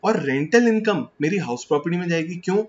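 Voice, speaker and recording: A man's voice: high-pitched, expressive, brisk. A man with an Indian accent teaching a tax class, mixing Hindi and English and asking and answering his own questions. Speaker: tax lecturer. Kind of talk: classroom lecture. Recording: slightly dull lo-fi sound with faint background noise.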